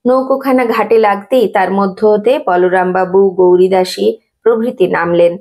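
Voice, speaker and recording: Woman narrator for a devotional memoir reading, steady and reverent, with a gravelly texture. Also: mid-range voice, normal speed.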